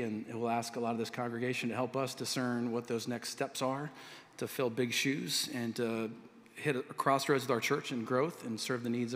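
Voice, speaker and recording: A middle-aged man reads a church announcement at a lectern mic, halting and filling pauses with ums. His voice sits at an ordinary pitch. Long reverb from the large sanctuary trails behind his words. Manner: hesitant, many fillers, saddened.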